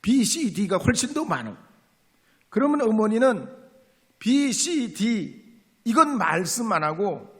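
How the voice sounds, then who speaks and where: A man's voice: high-pitched, sing-song, takes it slowly, long pauses, big-room sound. A man preaching a sermon as a pastor, speaking earnestly and acting out short dialogues in a church sanctuary.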